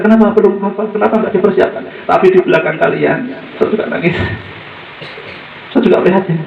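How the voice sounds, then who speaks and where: A man's voice: on the high side, a little hiss or hum. A man giving a fervent, repetitive speech to parents from a podium microphone at a school gathering. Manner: fervent, repetitive preaching cadence. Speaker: boarding school leader addressing parents. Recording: roomy, slightly dull audio with faint ambience.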